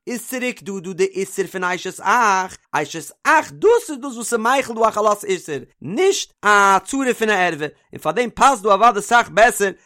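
A man with a fairly high voice leads a study lesson on an old text. He reasons aloud with quick questions and answers, his pitch rising and falling in a chanting singsong as he explains. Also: pushed and bright. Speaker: Talmud teacher.

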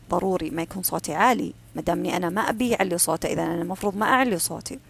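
A woman giving a calm, firm advice talk. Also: mid-range voice, creaky, slightly rough. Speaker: self-help speaker. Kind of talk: advice talk on personal boundaries.

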